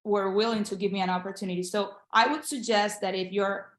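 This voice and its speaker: Over a video call, a young Spanish-speaking woman from Venezuela, an international medical graduate appearing as a guest, talks in a casual interview. Her tone is earnest and encouraging, with frequent restarts. The voice is mid-range, steady and a little fast, with a reverberant sound.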